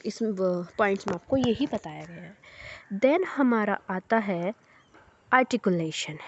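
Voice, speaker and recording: A woman giving an explanatory lecture in a fairly high but mellow voice. She reads each point slowly and then talks it through, pausing often to check her listeners are following. The recording sounds dull and lo-fi. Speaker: teacher.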